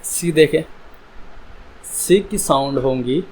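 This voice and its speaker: Slow-speaking male language teacher. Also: a little high, darkish tone, slight background noise, rough recording. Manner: slow, drawn-out sounding of letters. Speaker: English teacher. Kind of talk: slow spoken English lesson.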